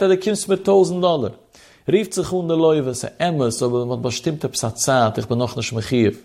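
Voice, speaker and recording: Gravelly man teaching a text lesson. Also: on the high side, a little mellow. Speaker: religious teacher. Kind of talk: traditional text study lesson.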